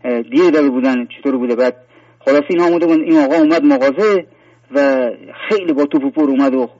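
A man's voice: mid-range voice, darkish tone, no echo. A man calling in to a talk program, telling a personal story earnestly, rambling with many fillers and restarts. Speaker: caller. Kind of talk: phone-in sharing a personal story. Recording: muffled phone-in line, distant.

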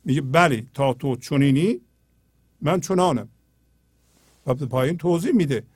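A man hosting a spiritual talk, explaining poetry earnestly and often dropping to a low, quiet tone. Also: expressive, husky, dry recording, studio quality.

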